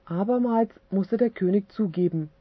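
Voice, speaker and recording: A woman reading a religious book aloud as scripted narration, steady and measured. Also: mid-range voice, slightly rough, no echo. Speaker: audiobook narrator. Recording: tinny phone-like dry audio.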